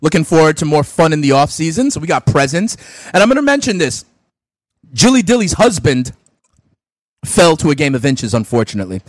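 A young man hosts a fantasy sports radio show, chatting casually and animatedly as he opens gifts. His voice is a little high and brisk, captured in a dry recording. He exclaims a lot and talks with his mouth full.

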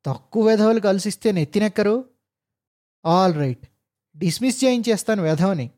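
A man voicing an arrogant male engineer boss who barks insults and mixes English words into his shouting. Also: fairly high pitch, moderate pace, close to an everyday voice. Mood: furious. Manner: barking insults, mixing in English.

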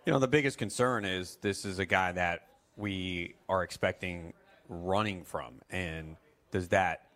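A man co-hosting a casual fantasy football chat, giving measured, analytical takes. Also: sits low, fairly bright tone.

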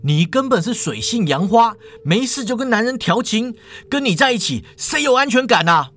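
A man's voice: very high voice, very animated, moderate pace, fairly bright tone, voice pushed up, full character voice. A man voicing a jealous, menacing young man who talks in a raised, accusing way.

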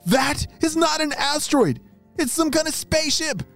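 A man doing an eager, high-voiced young boy spy. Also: huge pitch swings, unhurried, gravelly, breathy edge, faint music behind, heavily acted. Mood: excited. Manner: eager, breathless exclamations.

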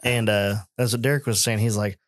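A man hosting a podcast in a small studio, chatting casually and telling stories with quick asides. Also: fairly low pitch, fairly even intonation, no room sound. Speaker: podcast host. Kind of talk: casual chat. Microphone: studio microphone.

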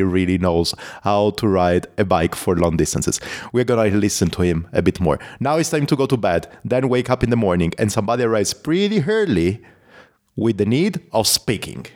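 This is a man with a fairly low voice and an Italian accent, working as a race host. He chats with riders in a casual, enthusiastic way. He keeps the questions coming, one right after another, into a handheld microphone. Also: darkish tone. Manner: chatty, enthusiastic, quick follow-up questions. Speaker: race event host and interviewer. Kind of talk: casual on-site interviews and race commentary.

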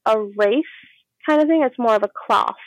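A woman from England, a guest in a casual chat, explaining things in a measured way. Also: a little high, dry recording, poor audio.

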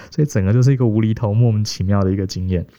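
A middle-aged man from Taiwan telling stories casually as a podcast co-host, animated and chuckling. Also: lowish voice, brisk. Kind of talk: casual storytelling. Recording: dull, muffled podcast audio.

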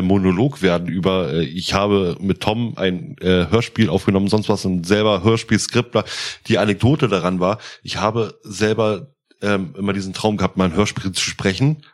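A man co-hosting a casual podcast, telling lively anecdotes with casual swearing. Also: deep voice, moderate pace. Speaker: podcast co-host.

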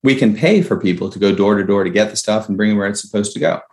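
Deep voiced founder guy, lots of vocal fry, explaining stuff in an interview, keeps saying right? okay?. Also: animated, fast talker, darkish tone. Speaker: startup founder. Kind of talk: conversational interview pitch.

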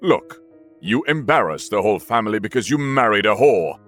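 A harsh old patriarch scolds in a low voice that swings widely in pitch, as a male narrator puts him on. Faint music plays beneath. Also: expressive, moderate pace, a bit bright. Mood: angry. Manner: stern, scolding.

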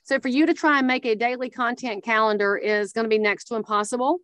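A woman's voice: fairly high pitch, steady tone, fast talker, fairly bright tone, dry recording. A woman with a Southern American accent giving conversational coaching in a blunt, folksy, emphatic way. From Southern United States. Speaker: social media coach for realtors, guest.

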